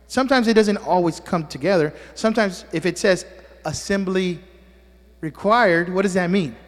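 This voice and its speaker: A pastor whose voice sits high preaches at normal speed to his congregation in a church sanctuary resembling a large hall. He is a native Spanish speaker who teases people with joking asides and often asks "amen?"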